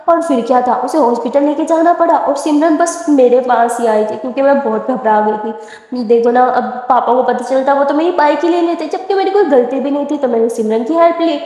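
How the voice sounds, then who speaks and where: A woman's voice: high voice, mellow, natural voice. A woman voicing a bold, stubborn young biker woman who coaxes and teases, recorded in an echoey room with long reverb. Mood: coaxing. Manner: coaxing, playful.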